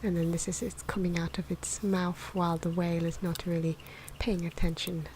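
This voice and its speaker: Narrating her drawing for an ASMR video, a softly spoken woman frequently drops into a breathy whisper, her phrasing slow and hesitant. Her pitch is fairly low and her tone level. Pencil scratches, pen noises, ambient sound and outdoor wind make the recording noisy.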